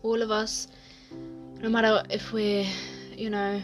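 Young woman, podcast co-host; emphatic, casual, lots of "like"s, middle pitch. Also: monotone, a little slow, over music. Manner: chatty, emphatic, laughs often, says "like" a lot. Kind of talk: casual chat.

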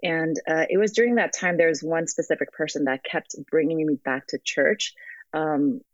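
A woman's voice: low voice, steady tone, normal speed, no room sound. Guest, young American woman, reflective, hesitant, over a dull, dry call line. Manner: reflective, frequent ums and restarts. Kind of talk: remote interview. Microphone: phone app call.

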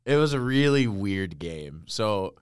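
A man in his twenties, a football player guest, telling relaxed stories full of "like" fillers in a casual podcast chat. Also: lowish voice, a little slow, smooth, dry recording, studio quality. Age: 20s. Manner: relaxed storytelling, many "like" fillers.

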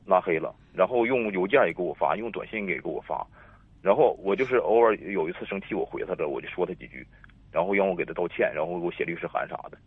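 Husky low-voiced man on a tinny phone line. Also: animated, fast, no room sound. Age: 30s. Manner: rambling, repeats himself. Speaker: caller. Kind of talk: phone-in call telling a personal story.

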